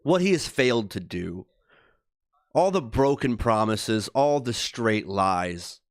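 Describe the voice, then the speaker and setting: A man with a lowish, expressive voice talks slowly on his livestream. His talk is an angry, profane political rant, heated and punctuated by repeated emphasis.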